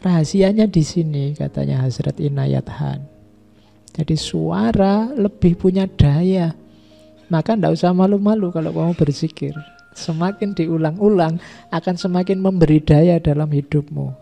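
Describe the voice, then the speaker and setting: A man giving a relaxed, conversational philosophy lecture in a mosque, listing ideas one by one. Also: on the high side, moderate pace, vocal fry, faint music behind. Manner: conversational, repeats and lists ideas. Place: mosque hall.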